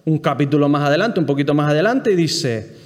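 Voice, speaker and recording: Male Bible teacher from Spain, higher register, explanatory lecture to a group, long hall reverb. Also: animated, fast talker. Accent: Spain Spanish. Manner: explanatory, keeps checking in with the listeners and asking them questions.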